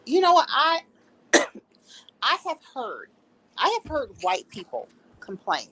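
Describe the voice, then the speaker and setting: A woman chatting as a guest on a political talk show, animated and emphatic, repeating her phrases. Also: high voice, slow pace, slight background noise. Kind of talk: casual political chat.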